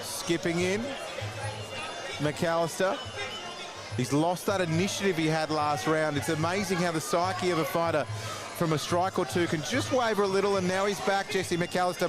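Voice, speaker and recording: A man's voice: a little high, steady tone, moderate pace. A man commentating live on fights in a matey, colloquial, conversational way. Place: ringside at a live fight event. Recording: loud music and crowd behind.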